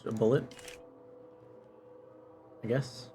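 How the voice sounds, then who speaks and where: A man's voice: takes it slowly, dark tone, a little hiss or hum. A man giving casual game commentary, musing and thinking aloud as he plays. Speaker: gamer, let's play host.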